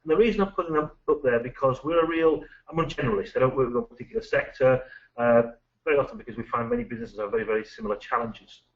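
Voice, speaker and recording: A middle-aged British man, a management consultant, presenting a business webinar with lively, anecdotal, punchy delivery. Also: mid-range voice, racing. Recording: dull lo-fi recording.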